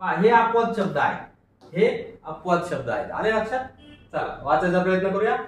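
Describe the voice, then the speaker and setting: A man teaches a phonics lesson in a fairly high voice. He sounds out each word patiently and has pupils read it back after him. He is recorded from a distance in a very echoey classroom with a faint hiss. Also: sing-song, normal speed. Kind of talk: phonics lecture. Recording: echoey room from far off, faint noise.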